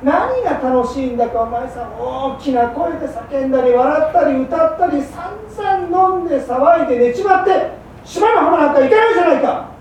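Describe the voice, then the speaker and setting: A shrewd, patient fishmonger's wife, as a woman voices her in a storyteller's act. She coaxes and scolds in a high, brisk voice. It sounds distant and echoing, in a large roomy hall with faint hum behind. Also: animated, darkish tone. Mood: reproachful. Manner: coaxing, reproachful, brisk.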